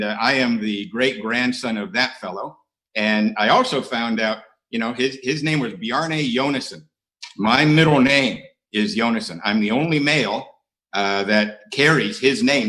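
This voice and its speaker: A middle-aged American man shares his recovery story as an AA speaker at an online conference, full of dry, self-mocking wit. His voice is bright and forward at an ordinary middle pitch, and he pauses often on "uh" between wry asides. The audio is poor.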